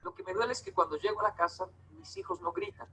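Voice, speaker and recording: A man's voice: high-pitched, fast talker, a little hiss or hum, low-quality recording. A man from Bogotá with a Bogotá Colombian accent, telling stories in a talk with irony and acting out the people in them. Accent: Bogotá Colombian Spanish. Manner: animated, ironic storyteller acting out dialogue. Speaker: speaker giving a talk. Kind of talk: storytelling talk to an audience.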